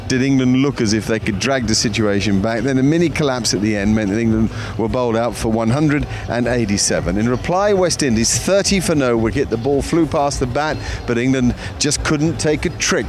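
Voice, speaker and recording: Male cricket broadcaster, average pitch, presenting and analysing, with noticeable outdoor noise around him. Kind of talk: broadcast sports commentary and discussion. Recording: clearly noisy outdoor broadcast.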